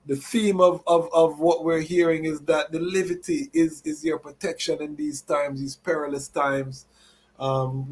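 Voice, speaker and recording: Higher-pitched man hosting, Rasta idiom. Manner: Rastafarian idiom with repeated catchphrases. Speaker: podcast host. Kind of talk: live show talk with announcements and Rastafari reasoning.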